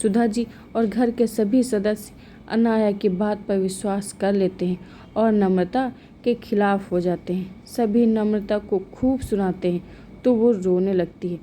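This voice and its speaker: Woman storyteller, calm scripted narration, slow and mellow. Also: medium pitch, slight background noise.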